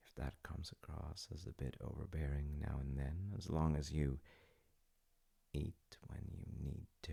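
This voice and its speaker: A voice actor plays a gentle, doting father with a dry sense of humor in an intimate comfort roleplay. His exaggerated, extremely low voice is gravelly and husky, frequently sinking into a breathy murmur. He muses slowly and softly, pausing haltingly as he goes.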